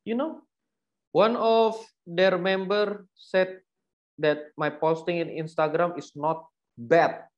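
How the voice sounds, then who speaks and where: A man's voice: high voice, takes it slowly, dull audio, voice pushed up. A man voicing a hot-tempered male thug who talks in brash, taunting street slang. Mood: indignant.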